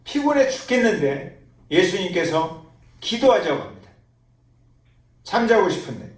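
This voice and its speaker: A man's voice: high-pitched, sing-song, moderate pace. A male pastor preaching a sermon, telling the story animatedly and acting out the quotes, in an echoey church. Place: church sanctuary. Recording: roomy church hall, mic at a distance.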